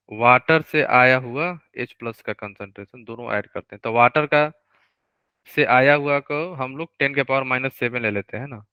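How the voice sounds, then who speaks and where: A man teaching a live online chemistry class, explaining step by step, slowing down to dictate formulas and often checking that students follow. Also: medium pitch, sharp tone, clean tone, no echo, low-quality recording. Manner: explains step by step, keeps asking students to confirm.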